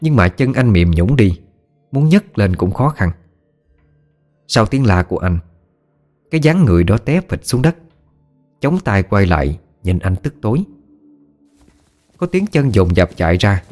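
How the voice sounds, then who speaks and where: A man's voice: lowish voice, very animated, a little slow, pauses often, a little mellow, faint music behind. A man narrating a ghost story in a folksy storytelling manner.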